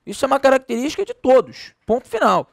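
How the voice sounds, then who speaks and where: Animated Brazilian man teaching grammar. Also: extremely high pitch, fast, vocal fry, no room sound, studio quality. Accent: Brazilian Portuguese. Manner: animated, slangy, jokey storytelling. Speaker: Portuguese teacher. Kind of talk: exam-prep grammar lesson.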